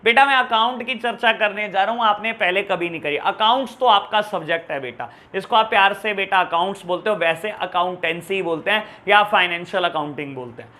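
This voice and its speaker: A man teaching an online accounts class, talking to his students in a fatherly way and repeating key terms as his voice swings between loud and soft. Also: sits high, brisk, hardly any pauses. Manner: fatherly, calls students beta and pyare bachhon.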